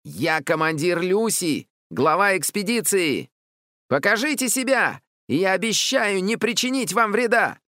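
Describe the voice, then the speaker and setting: A man voicing an excitable, boastful young boy who calls himself commander, loud and eager. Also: high-pitched, unhurried, dry recording, clean studio sound, pitched above the performer's own voice, full character voice. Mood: bold.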